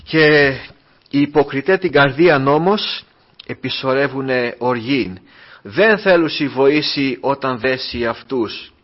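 A man preaching a sermon, earnest and repetitive, moving from soft, quiet asides to raised, urgent exhortation. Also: medium pitch, animated. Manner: repeats refrains, addresses listeners as brothers. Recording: dull lo-fi sound.

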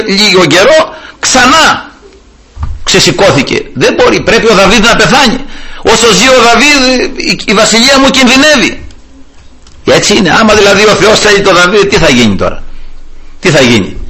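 Animated preacher with a lively voice. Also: male voice, on the high side, husky. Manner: animated retelling, often calling out to the brethren. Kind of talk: sermon.

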